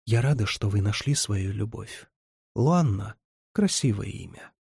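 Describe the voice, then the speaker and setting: A man's voice: lowish voice, lively intonation, measured pace, gravelly, darkish tone, slightly rough, no room sound, studio quality, heavily acted. A man reading the lines of a spirited, teasing young woman in an audiobook, lifting his voice somewhat for her. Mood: wistful.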